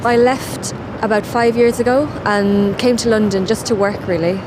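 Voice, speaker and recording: A woman answering a street interview in a relaxed, conversational way. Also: mid-range voice, normal speed, music in the background, low-quality recording. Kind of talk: vox-pop interview. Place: outdoors on a city street. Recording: outdoor traffic noise. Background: traffic and cars.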